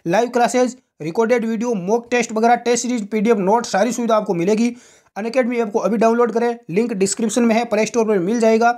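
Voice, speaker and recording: A man's voice: very high-pitched, steady tone, quick pace, a little mellow. A man hosting an informal exam news update as a coaching teacher, speaking directly to students and posing questions. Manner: direct address with rhetorical questions.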